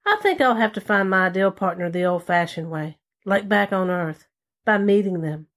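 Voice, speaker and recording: A woman's voice: medium pitch, animated, normal speed, fairly bright tone. A woman reading a first-person story aloud in an easy, drawling way. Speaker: story reader. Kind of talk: first-person scripted narration.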